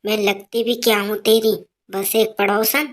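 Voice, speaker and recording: A woman's voice: mid-range voice, little pitch movement, a little slow, natural voice. A woman voicing a meddling neighbor woman in a cartoon story, coaxing and prying.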